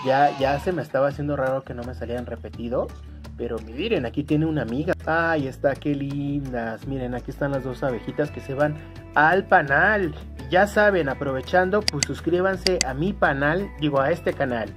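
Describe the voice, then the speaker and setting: A man's voice: medium pitch, moderate pace. A man hosting a casual toy unboxing for viewers. He bursts into delighted exclamations and is fond of cute diminutives. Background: background music.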